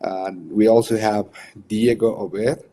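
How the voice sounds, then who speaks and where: A young man with a Mexican accent and native Spanish, coaching in a casual, halting livestream chat. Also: on the low side, little pitch movement, warm tone, slight background noise. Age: young adult. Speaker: coach hosting a livestream workshop.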